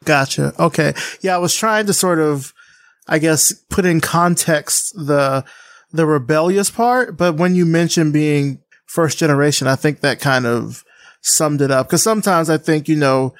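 A man from Alabama, hosting a podcast interview in a relaxed, hedging way with many fillers. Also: on the high side, unhurried, no room sound. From Alabama, USA. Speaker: podcast host. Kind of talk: casual interview conversation. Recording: dry close sound.

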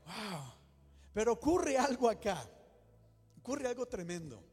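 A male pastor with a high voice preaching in a church. He builds his points dramatically and repeats exclamations for emphasis. A long reverb fills the hall, with faint music underneath. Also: a little slow, darkish tone. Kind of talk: sermon.

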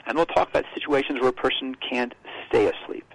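Brief: male radio guest, gravelly and a bit husky, dry close sound, explanatory. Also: medium pitch, dry recording, rough recording. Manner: explanatory, halting with restarts. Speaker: health expert guest. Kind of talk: radio health talk.

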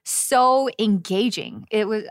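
A woman's voice: medium pitch, slow pace, dry recording, studio quality. A woman hosting a podcast, chatting enthusiastically with a guest and filling her talk with casual "like"s. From Los Angeles, USA. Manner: chatty, enthusiastic, many likes. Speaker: podcast host. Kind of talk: casual chat.

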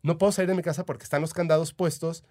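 A man's voice: fairly high pitch, fairly even intonation, racing, darkish tone. A man with a Mexican accent, a podcast guest telling stories in casual chat, eager and full of fillers. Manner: chatty, eager, full of "o sea" and "este" fillers. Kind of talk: casual storytelling.

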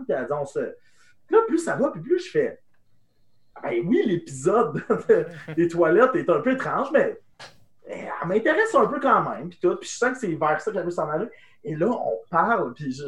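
Young québécois guy telling a wild story, goes quiet for punchlines, roomy echo. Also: fairly high pitch. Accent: Québécois French. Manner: animated anecdote telling, dropping to hushed tones for the punchlines. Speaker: improv guest. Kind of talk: casual storytelling.

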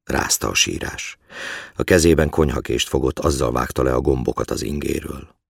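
A man calmly reading a story aloud in a measured way. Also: extremely low pitch, vocal fry, husky, dry recording, studio quality. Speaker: narrator. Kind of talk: scripted story narration.

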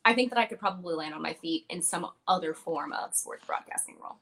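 A young woman, a wrestler who used to work in radio, answers interview questions with confident chattiness and plenty of filler words. Her voice sits on the low side, moves quickly, and has a fairly bright tone.

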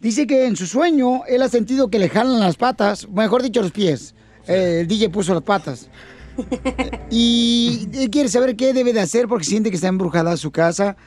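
A man's voice: high voice, moderate pace, a little mellow. A man hosting a radio show, teasing his co-hosts and laughing often. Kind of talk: joking banter.

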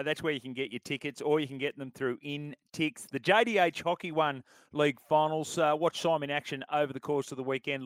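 A man's voice: fairly high pitch, no room sound. A man with an Australian accent presenting sports radio in an easygoing, matey, conversational way.

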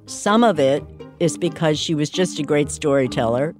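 A woman talks as an interview guest in a documentary. Her voice sits very low, with a little music playing behind it. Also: animated, normal speed. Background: faint music.

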